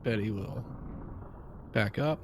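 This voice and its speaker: A man's voice: on the low side, noisy background. A man playing a tabletop game, describing his character's actions in careful detail. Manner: deliberate, detailed action narration. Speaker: player.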